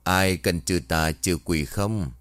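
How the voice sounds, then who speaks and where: A man's voice: low voice, fairly even intonation, slow pace, fairly bright tone, clean tone, no echo. A man voicing a blunt exorcist in his fifties who speaks plainly and matter-of-factly.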